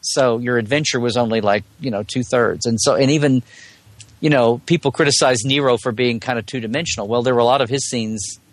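Here a man's medium-pitched voice runs a little fast in a dry recording. The speaker, a Star Trek blogger on a podcast as a guest, discusses the show casually with fans, digressing in a colloquial way and regularly changing his wording mid-thought.

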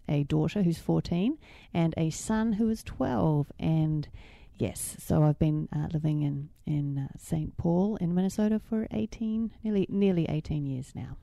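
A middle-aged woman with a New Zealand accent, chatting as a co-host in a relaxed, rambling way with frequent ums and uhs. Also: on the low side, vocal fry, no room sound, clean studio sound. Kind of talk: casual chat.

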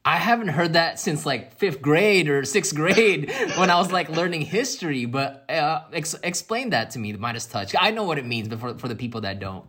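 A man's voice: a little high, expressive, moderate pace, few pauses, a bit bright. A man hosting an interview, asking friendly and enthusiastic questions. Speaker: interview host. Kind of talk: casual interview chat.

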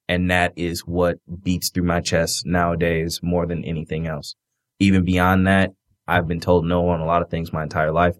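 Man, low steady monotone, earnest guest giving a pep talk, dry close mic. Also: dry recording. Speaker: wrestler guest. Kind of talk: motivational closing words.

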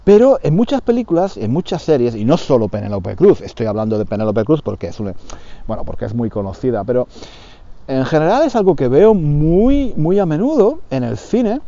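Lively man teaching casually. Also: on the high side, brisk, highs cut off. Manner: lively, repeats phrases, checks understanding. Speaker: Spanish teacher for learners. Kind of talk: casual opinion talk for learners.

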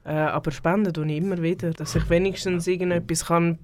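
A woman's voice: on the low side, steady tone, brisk, darkish tone, a little hiss or hum. A woman with a Swiss German accent, a singer guest in a radio studio interview, talking with many fillers and restarts. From Switzerland.

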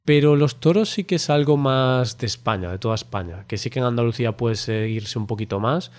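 A man hosts a relaxed podcast conversation. He talks in an explanatory way and keeps checking in with his co-host through little tag questions. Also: medium pitch, a little fast. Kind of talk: casual podcast chat.

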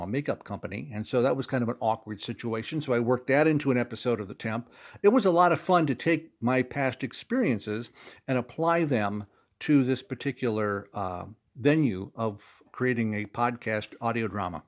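Here a middle-aged American talks fairly quickly in a mid-range voice. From Fort Wayne, Indiana, he works as an audio drama creator and stage actor, and in this interview he chats as a guest, stressing words emphatically as he recounts anecdotes.

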